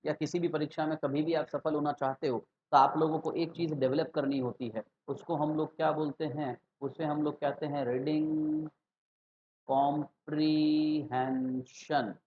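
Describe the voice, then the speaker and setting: Teacher with a lilt. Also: male voice, a little high, little pitch movement, slight background noise. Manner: mixes English and Hindi, slows for key terms; rhetorical questions to students. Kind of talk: exam-prep lecture. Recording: dull lo-fi sound.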